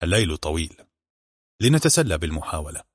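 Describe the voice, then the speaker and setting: A blunt police officer who mocks and teases in a low, husky voice, as a male reader puts him on. His lines stay offhand and sardonic. The dry, close sound of an audiobook recording carries them. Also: very animated, brisk, no room sound. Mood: dry teasing. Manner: mocking, offhand.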